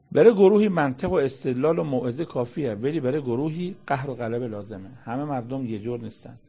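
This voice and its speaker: A man's voice: medium pitch, vocal fry, warm tone, husky. A man giving a conversational religious lecture, explaining scripture in everyday speech and quoting Arabic verses. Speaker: Quran commentator.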